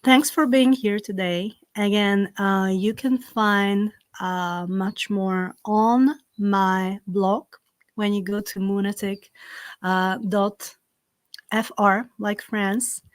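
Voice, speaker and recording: A native Slovak speaker with a Slovak accent hosts a spiritual ritual live-streamed from her home in the south of France, giving slow, gentle instructions full of fillers. Her mid-range voice stays steady, and the computer-mic recording is dry.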